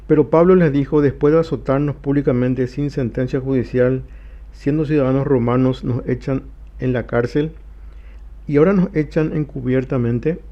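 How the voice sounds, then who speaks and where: A man leading a church Bible study, reading scripture passages aloud slowly and then explaining them. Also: mid-range voice, lo-fi sound. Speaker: pastor.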